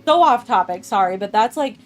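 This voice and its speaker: Talking a little fast with lively intonation, a young adult woman at medium pitch chats casually with viewers while streaming a game. She rambles between thoughts and laughs often, with soft music in the background.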